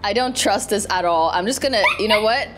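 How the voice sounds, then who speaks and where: A woman in her twenties giving excitable, animated game commentary as a video host. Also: medium pitch, brisk, heavy background noise. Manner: dramatic, animated. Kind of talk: excitable game commentary, reading dialogue aloud. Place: indoor room at home.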